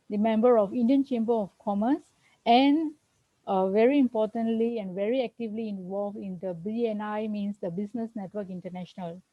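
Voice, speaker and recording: A woman's voice: fairly high pitch, dry recording, muffled recording. A middle-aged woman from Singapore answering interview questions earnestly over a video call, with fillers and restarts. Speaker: guest, accountant. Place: at home, remote.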